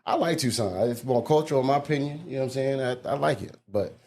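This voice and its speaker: A man's voice: medium pitch, quick pace, darkish tone. A man in his thirties from the Midwest, a podcast guest in laid-back, joking casual chat. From American Midwest. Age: 30s.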